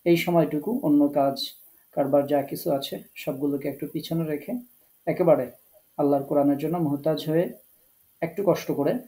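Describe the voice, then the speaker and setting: A man with a Bangladeshi Bengali accent teaching an online Quran recitation class, explaining earnestly with pauses and English words mixed in. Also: a little high, steady tone, dark tone, rough recording.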